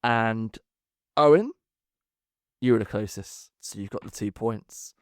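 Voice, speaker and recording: A man's voice: on the low side, measured pace, no room sound. Man who says th as f, dry sound. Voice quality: th-fronting, says th as f. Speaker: host of a film ranking quiz podcast. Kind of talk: casual chat and quiz hosting.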